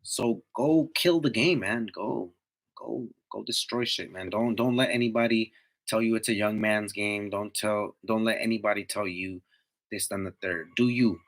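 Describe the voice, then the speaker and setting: A man in his twenties, who climbs trees and hosts livestreams, talks to his live audience in a relaxed, slang-heavy, pep-talk way, repeating points for emphasis. His voice is fairly low and moves at a normal speed.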